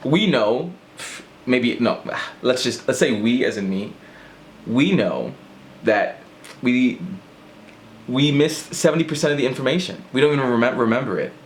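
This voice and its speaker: A man's voice: medium pitch, animated, moderate pace, a little hiss or hum. A man vlogging in a casual rant to camera, rambling and self-mocking as he jumps between thoughts.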